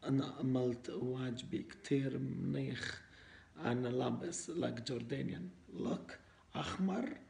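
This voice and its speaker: A man's voice: medium pitch, measured pace, gravelly, warm tone. A man playing an eager foreign mafia henchman in a comedy sketch, mixing English with accented broken Arabic. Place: living room, indoors. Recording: echoey living room, faint hiss.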